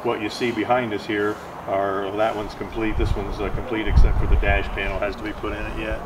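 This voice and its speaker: A man's voice: fairly low pitch, level tone, fairly quick, recorded from a distance. Older man explaining in a noisy hangar. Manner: hesitant, many fillers and restarts. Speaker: aircraft kit manufacturer. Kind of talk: factory tour explanation. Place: large aircraft workshop hangar.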